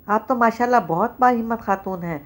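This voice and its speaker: A woman's voice: on the high side, natural voice. A woman reading the part of a polite, deferential male police officer.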